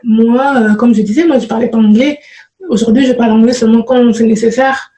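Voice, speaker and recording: A woman talks to her viewers in a relaxed, halting way, full of fillers and restarted phrases. Her voice sits a little high but sounds dark and mellow. The recording has a noticeable room echo. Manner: hesitant, many fillers and restarts. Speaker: programming vlogger. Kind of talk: casual spoken advice to viewers.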